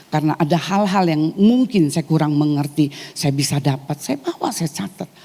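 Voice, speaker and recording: A middle-aged woman pastor preaching a sermon at a church service, growing emotional and rising high in pitch when stirred. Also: lively intonation, moderate pace, dark tone, big-room sound. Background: music.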